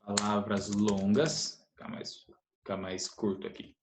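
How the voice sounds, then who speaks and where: A man's voice: on the low side, flat delivery, measured pace. A man teaching an English grammar lesson, explaining patiently and repeating the key points. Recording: echoey room, faint noise.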